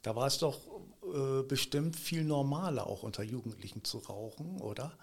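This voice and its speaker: A man's voice: mid-range voice, moderate pace, vocal fry, husky. Man hosting a podcast, prompting questions. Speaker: podcast host. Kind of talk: casual interview talk.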